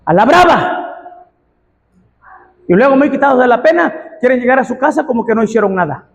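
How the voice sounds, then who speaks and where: Gravelly high-voiced Mexican preacher shouting. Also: male voice, expressive, brisk. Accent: Mexican Spanish. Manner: impassioned preaching, shouting out quoted pleas. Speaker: pastor. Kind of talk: sermon. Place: church hall. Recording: long reverb of a church hall.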